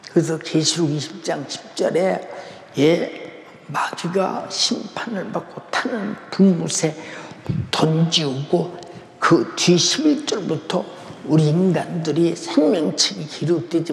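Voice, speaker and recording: An older man preaching a fervent sermon as pastor, his voice swinging from loud declarations to hushed near-whispers. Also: high-pitched, creaky, slight background noise. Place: large church sanctuary. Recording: echoey hall with long reverb.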